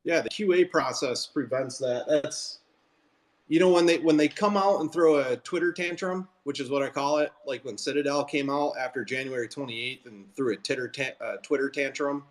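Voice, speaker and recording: Casting: male call host, mid pitch, rambling opinions, chatty and casual. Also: normal speed. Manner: rambling, self-interrupting, opinionated. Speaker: host of a Twitter Spaces call. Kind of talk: casual group call chat.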